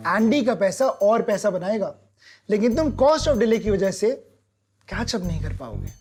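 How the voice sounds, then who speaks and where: A woman as a patient financial advisor in an animated explainer ad, walking through figures slowly and deliberately in mixed Hindi and English. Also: mid-range voice, breathy edge, exaggerated voice. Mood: explaining. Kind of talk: explainer ad dialogue. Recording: light music behind.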